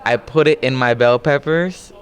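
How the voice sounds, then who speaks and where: A man's voice: mid-range voice, moderate pace. A young man talking casually and with enthusiasm in a short interview. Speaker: student interviewee.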